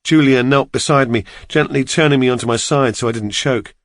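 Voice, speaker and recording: A man narrating an audiobook in the first person, steady and measured. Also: mid-range voice, no echo, studio quality.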